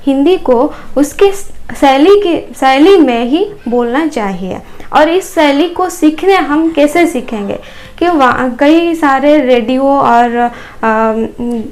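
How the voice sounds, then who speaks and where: Brief: Odia-accented woman teacher, high voice, unhurried grammar lesson. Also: a little mellow. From Odisha, India. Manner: explanatory, with repeated examples and fillers.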